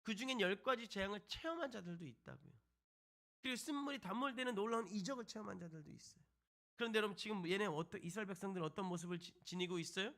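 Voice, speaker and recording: A man's voice: high-pitched, fast, a bit bright. A man, a pastor, preaching a sermon to a youth service, asking the congregation rhetorical questions and retelling scripture. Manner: retells scripture with acted quotes.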